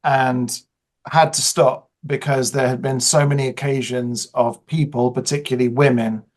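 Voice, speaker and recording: A man from southern England with a mid-pitched voice. He is a podcast guest, sharing anecdotes in a relaxed conversational style. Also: moderate pace. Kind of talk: casual chat and anecdotes.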